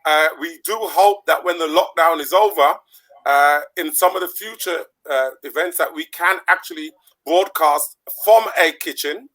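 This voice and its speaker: Caribbean-born male host, higher voice, bright tone, chatty and rambling, video call audio. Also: rough recording. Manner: chatty, rambling, quick to laugh. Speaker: podcast host. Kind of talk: casual online show chat.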